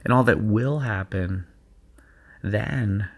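A man coaching student athletes through a guided visualization recording, speaking in a slow, soothing, hypnotic cadence full of repetition. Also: fairly low pitch, breathy edge. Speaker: sports performance coach.

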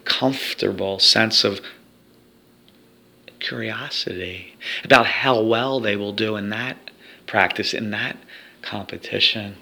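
A man's voice: lowish voice, fairly even intonation, slow pace, vocal fry, pauses often, bright, forceful tone. A man leading a guided hypnosis recording for athletes, speaking in a soothing, repetitive hypnotic way.

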